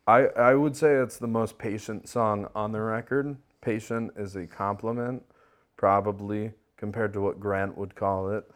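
A man with a somewhat low voice co-hosts a podcast. He chats casually and enthusiastically about a record, with frequent laughs between his points. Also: steady tone, measured pace. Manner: enthusiastic, chatty, laughs often. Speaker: podcast co-host. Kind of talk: casual music review chat.

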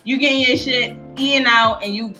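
A woman's voice: high voice, steady tone, normal speed, bright, forceful tone, soft background music, low-quality recording. A woman guest on a casual chat show, talking bluntly and animatedly in slangy speech.

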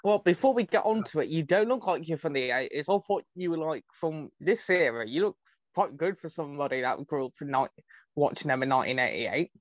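A man's voice: fairly high pitch, animated, brisk, no room sound. Young man, dry lo-fi mic, gushing. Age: 20s. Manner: eager, gushing fan talk. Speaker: podcast host. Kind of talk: casual podcast chat.

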